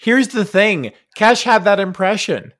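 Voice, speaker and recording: Animated man in casual banter. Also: high-pitched, unhurried. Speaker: tabletop game player.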